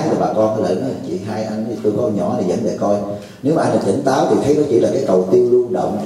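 A man's voice: mid-range voice, warm tone. A man giving a Buddhist dharma talk, folksy and joking, often asking his listeners questions. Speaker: Buddhist teacher. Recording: echoey hall, voice from far off.

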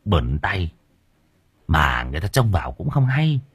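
A man voicing a scheming young male servant who speaks in a hushed, conspiratorial way. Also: low voice, very animated, a little slow, husky, no room sound, exaggerated voice. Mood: sly hushed. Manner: whispering, conspiratorial.

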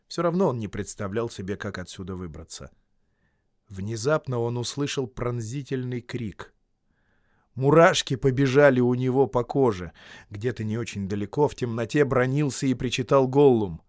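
A man reading a fantasy tale aloud as an audiobook, with expressive storytelling and dramatic shifts in loudness. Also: medium pitch, normal speed, no room sound, clean studio sound. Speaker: audiobook reader. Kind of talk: scripted narration.

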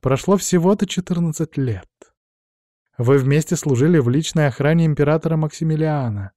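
A cold, vengeful young woman, put on by a male reader, who drawls her threats slowly and mockingly in a raised, lighter voice. The tone is dark and mellow, and the dry close recording keeps every word intimate. It sounds like a storybook read aloud. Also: fairly high pitch, no echo, pitched above the performer's own voice, lightly acted. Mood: cold menace.

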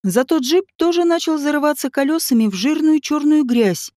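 A woman reading a novel aloud as an audiobook narrator in a steady storytelling manner. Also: sits high, normal speed, no room sound, clean studio sound. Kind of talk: scripted narration.

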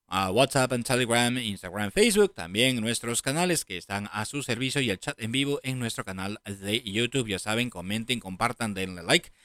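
A man's voice: mid-range voice, fairly bright tone, no echo. A man hosting a live radio show, reading the weather and greeting listeners as family in an upbeat way.

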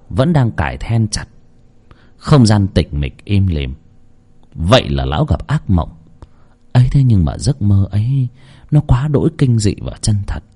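A man's voice: fairly low pitch, warm tone, husky. A man narrating a horror story in a dramatic, suspenseful way.

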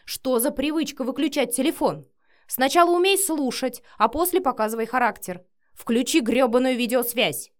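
A woman's voice: mid-range voice, lively intonation, moderate pace, natural voice. A woman reading the lines of a short-tempered, domineering man who growls, swears and gives orders, in an audiobook. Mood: growling.

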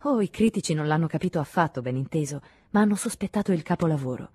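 A woman's voice: sits low, animated, quick pace, mellow, husky, dry recording. A woman voicing an anxious, clinging woman who talks to her lover in an earnest, pleading way in an audiobook reading.

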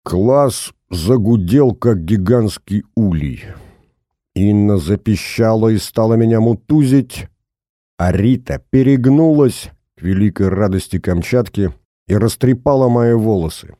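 A man narrating a first-person audiobook in a steady, measured storytelling manner. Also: on the low side, no echo, clean studio sound.

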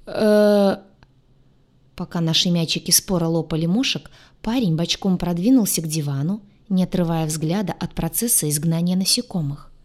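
A woman reading a first-person science fiction audiobook aloud, with a lively, ironic storytelling manner. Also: lowish voice, fairly quick, hardly any pauses. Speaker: audiobook narrator.

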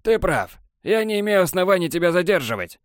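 A man voicing a wary male stalker leader who speaks in a calm, measured way. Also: sits high, dry recording, clean studio sound, pitched above the performer's own voice. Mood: guarded.

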